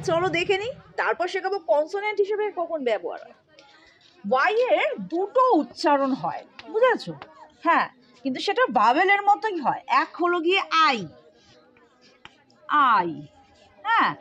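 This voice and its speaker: A woman's voice: extremely high pitch, fairly bright tone. A woman teaching English to students, patiently explaining and often checking that they follow along. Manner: patient, asks pupils questions often.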